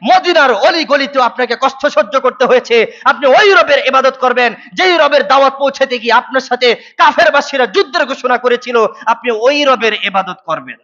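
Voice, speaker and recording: Male preacher, high voice, fervent Friday sermon, rhetorical questions, long hall reverb. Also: sharp tone. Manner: impassioned, rising to emphatic peaks, rhetorical questions to congregation. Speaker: mufti preacher. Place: mosque with a large congregation. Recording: echoey hall, dull lo-fi sound.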